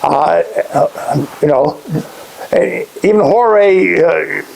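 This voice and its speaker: An older man, recalling lodge days in a casual interview, halting and restarting often. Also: fairly high pitch, creaky, a little mellow, a little hiss or hum, rough recording. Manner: halting, many restarts, chuckles at his own remarks. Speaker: interviewee, past lodge master. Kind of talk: casual oral-history interview.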